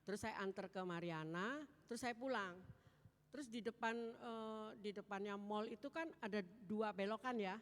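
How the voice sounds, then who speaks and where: A woman gives a spoken testimony before a congregation, telling her story with animated energy and acting out the other people's voices. Her voice sits in the middle range for a woman. It carries a long reverb, as in a large hall. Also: medium pitch, moderate pace. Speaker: church member giving testimony.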